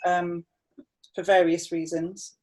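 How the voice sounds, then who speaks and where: A woman's voice: on the low side, little pitch movement, takes it slowly, noisy background. A young adult woman winemaker from North East England, explaining her wine in a webinar with many fillers and restarts. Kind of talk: webinar tasting talk.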